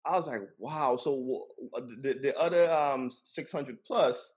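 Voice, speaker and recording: A middle-aged man talking as a guest in a relaxed discussion, with a voice of ordinary pitch for a man. He is earnest and keeps doubling back on his words as he builds up his argument. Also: a little slow, husky. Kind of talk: casual discussion.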